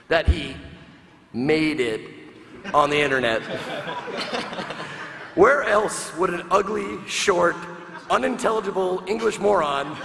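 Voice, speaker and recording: A man's voice: high-pitched, vocal fry. A man performing a comedy roast on stage, firing off mocking punchlines and laughing at his own jokes. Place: large convention hall with live crowd. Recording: echoey hall, noisy crowd.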